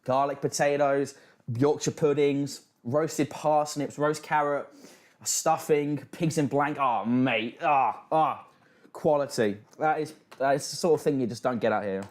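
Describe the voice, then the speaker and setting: A man's voice: medium pitch, a little slow. A British man hosting a casual livestream, reacting and reading out chat with sweary, mocking banter. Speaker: livestream host.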